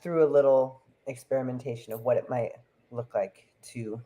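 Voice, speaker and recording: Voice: medium pitch, steady tone, moderate pace, warm tone. A podcast co-host asking a guest questions in a thoughtful, casual way, with many fillers. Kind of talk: casual interview chat.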